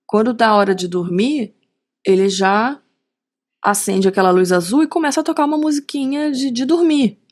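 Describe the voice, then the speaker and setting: A middle-aged digital marketing strategist with a Carioca Brazilian Portuguese accent chats as a guest in a casual podcast interview. She tells lively stories, acting out the voices of the people in them and often tacking on tag questions. Her voice is on the high side, at normal speed.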